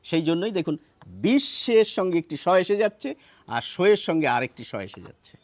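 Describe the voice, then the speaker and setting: A man teaching a lesson, explaining step by step and repeating words slowly to show how they sound. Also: high-pitched, sing-song, no echo. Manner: explains step by step, asks rhetorical questions.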